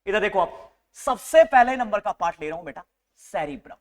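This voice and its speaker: A man teaching a live nursing class to a room of students, lively and teasing, mixing English medical terms into his speech. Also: high voice, normal speed. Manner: animated, teasing, mixes Hindi with English terms.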